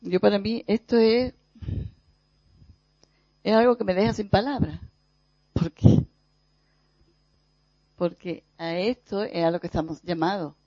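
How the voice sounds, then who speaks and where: A preacher from gives a reflective spiritual teaching, speaking thoughtfully with pauses and soft repetitions. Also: mid-range voice, fairly even intonation, dry recording. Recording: dull, dry lo-fi recording.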